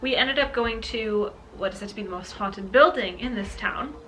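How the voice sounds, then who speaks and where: Bright-voiced Canadian woman co-host. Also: a little high, moderate pace, a little hiss or hum, low-quality recording. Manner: giggly, easygoing. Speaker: paranormal show co-host. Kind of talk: casual co-hosted intro chat.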